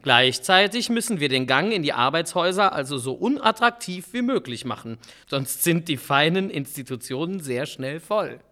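A stern Victorian economist and government adviser, played by a man, lectures in a bright, fairly high voice. His pitch swings widely as he lays out his case with complete self-assurance. It is a scripted history role-play podcast. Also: expressive, moderate pace, hardly any pauses. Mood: lecturing. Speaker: guest expert.

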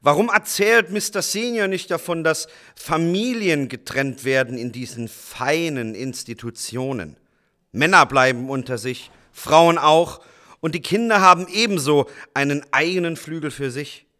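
A man's voice: on the high side, measured pace, pushed and bright. A man playing a devout Victorian politician in a scripted history podcast, speaking in an indignant, accusing way. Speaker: guest debater.

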